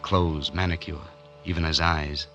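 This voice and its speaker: An actor with a bass voice performs 1940s radio noir, narrating in first person as a broke, wry drifter with a laconic, hard-boiled delivery. His full character voice is steady, unhurried, bright and forceful, and the narration is brooding. It sounds like a lo-fi vintage 1940s radio recording with music behind.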